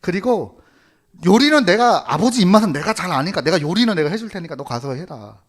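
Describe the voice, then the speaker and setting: Bossy, scheming mother rushing her son, played lightly by a man; lively pitch. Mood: urgent.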